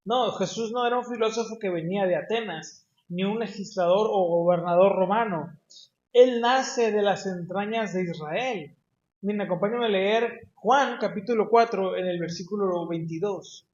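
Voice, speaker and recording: A man's voice: sits high, moderate pace, a little mellow, echoey room, lo-fi sound. A man with a Mexican accent preaching a sermon, teaching his congregation and often asking them questions. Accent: Mexican Spanish. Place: church hall.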